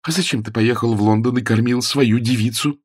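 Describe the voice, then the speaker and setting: A man voicing a flighty, upset young woman in a high, girlish falsetto that sounds pleading and excitable. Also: a little fast, husky, dry recording, studio quality, lightly acted. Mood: quarrelsome. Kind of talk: audiobook character voice.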